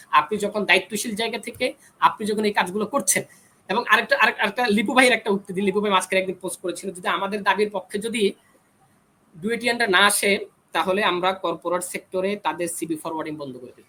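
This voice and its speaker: With a high-pitched, bright and forceful voice at a quick pace, a young adult man defends his view in a heated panel debate. As a guest and engineering student, he's argumentative and resists being interrupted. The rough recording has a little hiss or hum.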